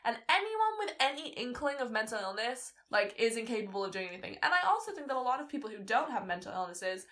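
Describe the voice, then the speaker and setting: A woman's voice: fairly high pitch, sing-song, fast, a bit bright. A woman co-hosting a podcast, speaking emphatically and swearing casually as she makes her points. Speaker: podcast co-host. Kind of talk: casual chat.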